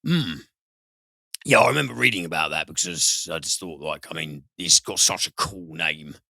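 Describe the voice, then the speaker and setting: Gravelly, sweary British man. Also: deep voice, moderate pace, no room sound. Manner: sweary, jokey banter with loud laughs. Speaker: podcast co-host. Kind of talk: casual film podcast chat.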